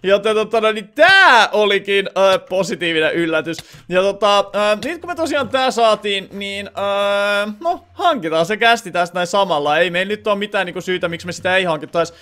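High-voiced Finnish gamer, chatty. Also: male voice, hardly any pauses. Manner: chatty, thinks aloud with many filler sounds; bursts into loud excited shouting. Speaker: gaming channel host. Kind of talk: Let's Play commentary.

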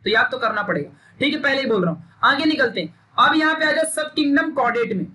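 Stern, forceful young male teacher. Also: extremely high pitch, lively intonation, fast. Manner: emphatic, drills and repeats points; stern, scolding pep talk. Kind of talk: recorded online science lesson.

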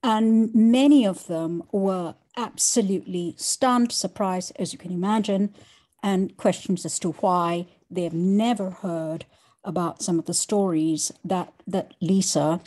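A woman's voice: lowish voice, unhurried, warm tone. Friendly woman lecturer asking a question. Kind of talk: audience question on a video call. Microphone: video call.

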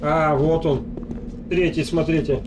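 Casting: male let's play host, fairly high voice, casual muttered commentary, game noise behind. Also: steady tone, measured pace. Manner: muttering to himself while playing, addressing viewers. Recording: noisy, game sound behind voice.

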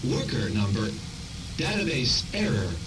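A man voicing a calm, polite male computer assistant that malfunctions and repeats itself in a video game. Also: lowish voice, a little slow, very noisy. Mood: calm glitchy. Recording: distant voice with music behind.

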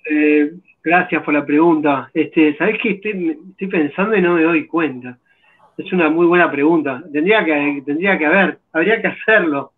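A man's voice: fairly high pitch, moderate pace. A man, a guest drummer answering interview questions over a video call, thoughtful and agreeable. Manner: thoughtful, agreeable, hesitant restarts. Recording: tinny phone-like video call audio.

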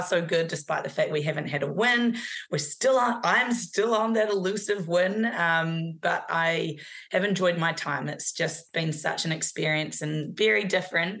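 Young Kiwi woman, guest athlete on a remote call; low, fry-tinged, chatty with ums. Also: a bit bright. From New Zealand. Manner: upbeat, many ums, uses Kiwi slang. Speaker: guest netball player. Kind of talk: live remote interview.

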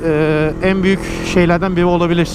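Male motorcycle vlogger, fairly high voice, slangy and exclamatory, miked inside a helmet, heavy riding noise throughout. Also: little pitch movement, quick pace. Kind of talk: casual riding commentary. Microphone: microphone inside a motorcycle helmet. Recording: loud motorcycle and wind noise.

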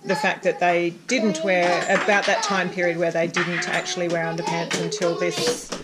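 In a relaxed home vlog rounding up books, an Australian woman in her thirties speaks with a fairly low, flat voice at a moderate pace. She's a homeschooling parent and vlogger filming in a room at home. Loud music plays behind her voice, along with noisy chatter from young children at play.

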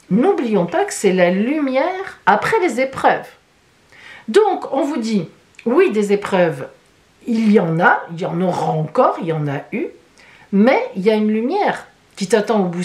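A woman giving a monthly tarot reading, emphatic and chatty, often adding "hein" as she explains each card. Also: medium pitch. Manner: animated, emphatic, with many "hein" asides. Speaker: tarot reader.

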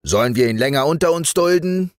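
A man's voice: fairly high pitch, lively intonation, fairly quick, no echo, pitched above the performer's own voice, close to an everyday voice. Man playing a cruel ship captain, stern, sneering, dry close recording.

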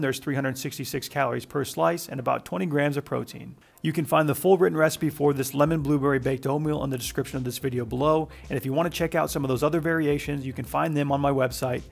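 A man giving a scripted recipe voice-over as a cooking channel host, with brisk, matter-of-fact instructions. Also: a little high, creaky.

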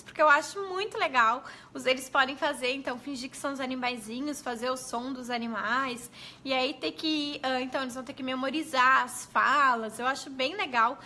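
A woman explains classroom activities to other teachers in a friendly, conversational way. Her voice sits high and sounds bright and clear. She keeps checking in with her viewers as she goes. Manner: chatty, explanatory, addresses viewers as gente. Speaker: pedagogue.

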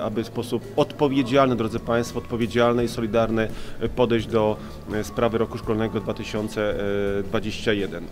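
A man giving a formal official speech, repeating phrases for emphasis. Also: medium pitch. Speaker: official speaker.

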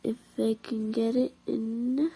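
A woman chatting playfully as she dresses up toys, now and then dropping into soft whispered asides. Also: a little high, level tone, slow pace, gravelly, husky. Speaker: toy dress-up vlogger. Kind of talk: casual playful chat.

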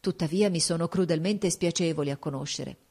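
A woman's voice: lowish voice, a little fast, warm tone. A woman reading an audiobook, voicing an anxious, tearful young princess with a pleading, shaken manner. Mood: dismayed.

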